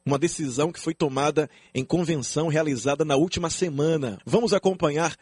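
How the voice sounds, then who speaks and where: A man reporting on the radio in a formal, measured way. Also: a little high, a little mellow, husky, dry recording, clean studio sound. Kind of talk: scripted news report.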